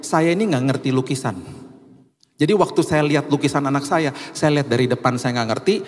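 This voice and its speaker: A man's voice: medium pitch, brisk. A middle-aged man preaching a sermon, telling a humorous story and acting out the dialogue. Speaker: pastor. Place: large church hall. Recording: church hall with long reverb.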